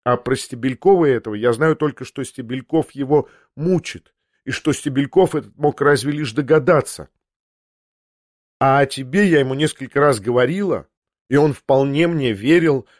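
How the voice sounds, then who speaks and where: A man voicing a quiet, proud young woman, the tearful sister in an audiobook, speaking softly and low. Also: moderate pace, no echo, clean studio sound, lightly acted. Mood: defensive. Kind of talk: audiobook character voice.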